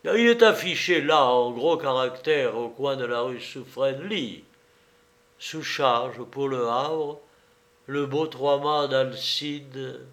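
A man voicing a boisterous young gentleman adventurer who speaks loudly and laughs often, in a storybook reading. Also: mid-range voice, slow pace. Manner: loud and exclamatory, with bursts of laughter.

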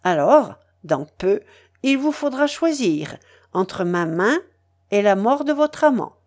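A woman reading aloud voices a fierce, sardonic male pirate, dropping her voice low and sounding threatening. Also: very animated, slow, a little mellow. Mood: menacing. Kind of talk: dramatic reading of a novel.

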